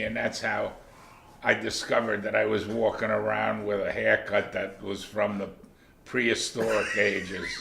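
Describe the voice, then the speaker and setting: An older grandfather telling animated stories from his childhood in an interview. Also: on the low side, vocal fry, a little hiss or hum. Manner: animated, lively storytelling. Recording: roomy echo with faint music.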